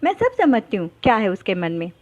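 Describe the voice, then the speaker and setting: A woman voicing a fiery, hot-tempered young woman student, ranting in quick scolding bursts. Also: mid-range voice, very animated, a little mellow, voice pushed down, natural voice. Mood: exasperated. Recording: dull lo-fi dry recording.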